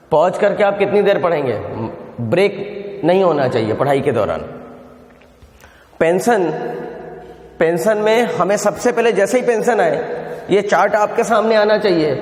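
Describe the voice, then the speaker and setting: A male commerce tutor giving a recorded video lecture, explaining step by step and often asking his students questions, mixing Hindi with English terms. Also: high-pitched. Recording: echoey room with long reverb.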